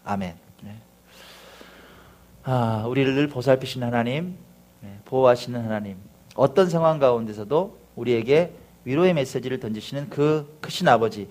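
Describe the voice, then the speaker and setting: A man's voice: medium pitch, moderate pace. A man preaching a sermon as pastor, telling a story with acted-out voices and sound effects and calling out to the congregation for replies. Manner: animated storytelling, acts out crowd cheers and crashes.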